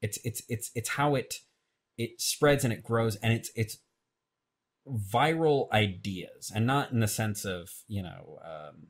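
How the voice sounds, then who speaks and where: A man's voice: lowish voice, slow pace. A man, a filmmaker guest, talking in a casual interview, often hesitating and repeating words. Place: radio show studio.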